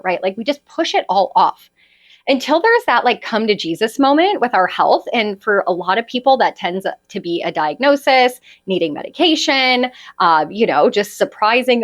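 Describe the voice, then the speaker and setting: Chatty woman in her thirties, lively pitch. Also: fairly quick. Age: 30s. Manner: chatty, confiding, frequent "right?" asides. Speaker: podcast host and holistic health coach. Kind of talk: solo podcast monologue.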